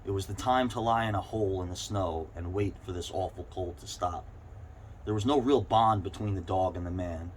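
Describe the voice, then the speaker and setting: Man, lowish voice, story read-aloud, slightly halting delivery, faint background noise. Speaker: reader. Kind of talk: reading a short story aloud. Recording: clearly noisy background ambience.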